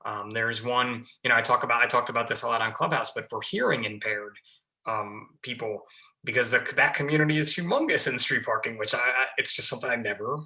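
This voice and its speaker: Enthusiastic male guest with a sharp, bright voice, chatting casually. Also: medium pitch. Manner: enthusiastic, talks in quick bursts. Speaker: podcast guest, fire lieutenant. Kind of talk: casual conversation.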